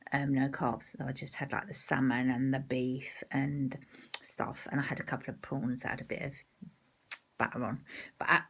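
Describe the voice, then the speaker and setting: Casual English woman vlogger, low voice, rambling and self-mocking, 30s. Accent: British English. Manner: chatty and self-deprecating, rambling with many ums. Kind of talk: casual video diary.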